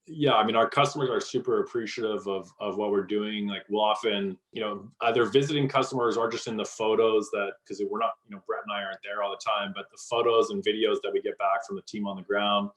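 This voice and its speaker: A man's voice: on the low side, steady tone, quick pace, few pauses, fairly bright tone, rough recording. A man answering interview questions about his company in a casual way, with many fillers and restarts. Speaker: guest, company co-founder.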